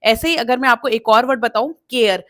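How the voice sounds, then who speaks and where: A woman explaining English pronunciation, repeating words slowly to drill them. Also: fairly high pitch, a bit bright. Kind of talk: explanatory lesson.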